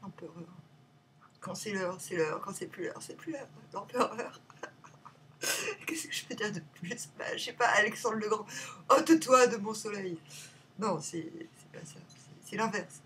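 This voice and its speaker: Woman, playful tarot-reading vlogger at home; rambles, swings loud to muttered; mic a bit distant, faint room hum. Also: mid-range voice, moderate pace. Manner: rambling and playful, jumping between loud remarks and muttered asides. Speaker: tarot reader. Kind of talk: casual tarot reading vlog.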